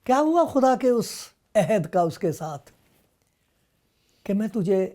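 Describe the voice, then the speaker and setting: Man preaching a sermon, mellow voice. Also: high voice, very animated. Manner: storytelling, acting out dialogue between Jesus and Peter. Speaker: pastor.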